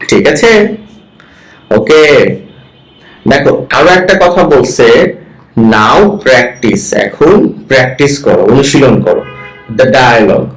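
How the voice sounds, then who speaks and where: Male English teacher, Bangladeshi accent, bilingual lesson, slow deliberate delivery, roomy echo. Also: medium pitch. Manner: slow, drawn-out English phrases, translating each into Bengali.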